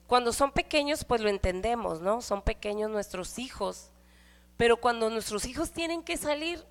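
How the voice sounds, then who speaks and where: A woman's voice: a little high, fairly bright tone. A middle-aged woman with a Mexican Spanish accent, giving a conversational sermon in church with frequent rhetorical questions. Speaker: church speaker. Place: church hall. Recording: hall reverb.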